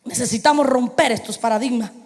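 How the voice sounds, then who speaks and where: A woman's voice: a little high, brisk, darkish tone. A woman preacher delivering a fervent sermon, firing rhetorical questions and calling for responses from the congregation. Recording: long reverb of a large hall.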